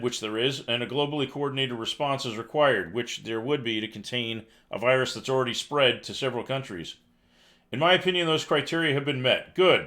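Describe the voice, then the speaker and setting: A man reads news headlines on a live stream, then breaks off to mock them with sighs and dry sarcasm. His voice has a bright, forward edge, and his pitch sits in an ordinary middle range. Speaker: livestream news commentary host. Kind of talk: casual live news commentary.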